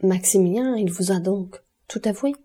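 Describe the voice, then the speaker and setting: A frightened young invalid, as a woman reads her asks anxious, pleading questions in an audiobook. The voice is dark and mellow, slightly husky, and a little low. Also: normal speed, close to an everyday voice. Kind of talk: audiobook character reading.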